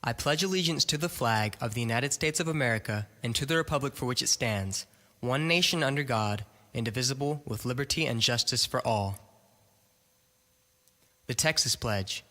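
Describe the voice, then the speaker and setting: A young male student leading a steady, measured recitation over the school intercom. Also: medium pitch, in a large hall.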